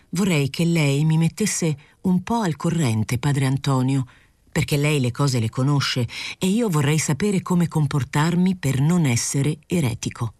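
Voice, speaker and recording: A woman's voice: low voice, darkish tone, dry recording. A woman voicing a hesitant, confused male journalist. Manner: apologetic, self-justifying.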